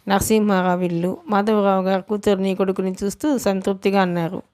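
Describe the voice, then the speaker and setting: A woman's voice: medium pitch, flat delivery, a little fast, a little mellow, smooth, dry recording. A woman reading a novel aloud as an audiobook narrator, telling the story steadily and lightly acting the dialogue. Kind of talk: dramatic novel reading, voicing all characters.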